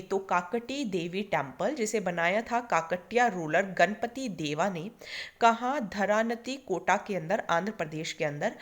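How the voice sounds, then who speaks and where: Indian woman coaching teacher, slightly low voice, explanatory lecture manner. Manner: explanatory, checks in with "ठीक है". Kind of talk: online lecture in Hindi-English mix.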